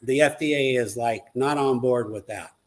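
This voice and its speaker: A man talks earnestly as a guest on a live online chat show. His voice sits in an ordinary middle pitch, and he speaks in an easy, conversational way. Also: moderate pace, a little hiss or hum.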